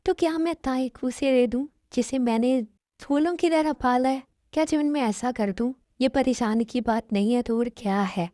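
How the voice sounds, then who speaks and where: Lady voicing a worried dad who owns a company, anxious and pleading, kinda high, dry close sound. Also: normal speed, dark tone, no room sound, natural voice. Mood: troubled. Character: worried middle-aged father, company owner. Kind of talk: amateur Hindi dub.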